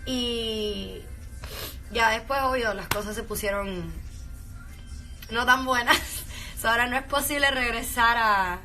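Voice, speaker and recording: A young woman from Venezuela with a Cuban Spanish accent, an actress answering fan questions, chats casually in Spanish and English, laughing often with fillers and restarts. Her voice is fairly high, pushed and bright, and she takes it slowly. Faint music plays behind her.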